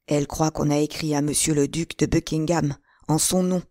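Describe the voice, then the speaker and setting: A woman's voice: low-pitched, steady tone, moderate pace, dark tone, dry recording, clean studio sound, lightly acted. Woman voicing an anxious middle-aged landlord. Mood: confiding. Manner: anxious, hesitant and fussy. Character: nervous middle-aged male shopkeeper landlord.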